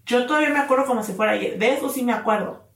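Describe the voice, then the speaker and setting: A woman's voice: fairly high pitch, racing, far from the mic. Chatty woman telling a story in a roomy space. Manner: laughs often, quotes herself, mixes in English words. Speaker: podcast guest telling a story. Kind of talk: casual storytelling chat. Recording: roomy sound, voice a little off mic.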